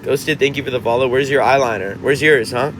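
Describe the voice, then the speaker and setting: A man's voice: medium pitch, brisk, background noise. A man in his twenties, a musician chatting casually on a livestream, reading out comments and rambling with frequent restarts. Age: 20s.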